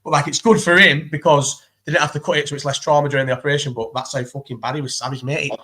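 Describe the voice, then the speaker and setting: A man chatting casually as a guest, talking fast in a rambling way, swearing a lot and restarting his sentences. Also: a little high, fairly even intonation, sharp tone. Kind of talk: casual chat.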